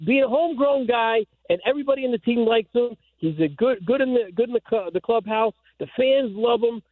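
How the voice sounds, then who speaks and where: A man's voice: extremely high pitch, fairly quick, no echo. A man calling a sports radio show from his car phone, insistent, with stumbling restarts. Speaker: caller. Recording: tinny car phone line.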